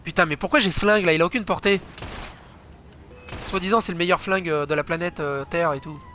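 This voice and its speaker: A man giving chatty let's play commentary, swearing a lot and breaking into loud exclamations. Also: high-pitched, fast talker, slight background noise. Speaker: gaming channel host.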